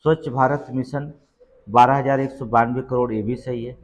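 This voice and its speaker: With a little hiss or hum in the background, a man speaks in a steady, mid-range voice at a moderate pace while coaching students for an exam. He reads each quiz question, then repeats its answer, frequently adding "theek hai" to check understanding.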